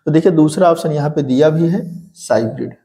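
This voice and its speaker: Mellow-voiced man teaching with rhetorical questions. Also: on the high side, expressive, brisk. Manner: repeats rhetorical questions and answers them himself. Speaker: exam prep teacher. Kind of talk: explaining a lesson.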